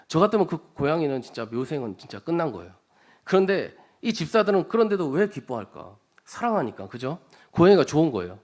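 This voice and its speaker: A man's voice: medium pitch, a little mellow. A man preaching a sermon to his congregation in a conversational way, often asking the listeners questions and acting out quoted speech with emphasis. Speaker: church evangelist preaching.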